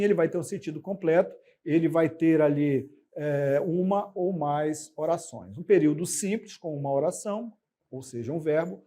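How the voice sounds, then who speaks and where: Warm-voiced Brazilian male teacher. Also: on the high side. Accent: Brazilian Portuguese. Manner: explaining slowly with many fillers and checks like "ok?". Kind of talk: recorded classroom lesson.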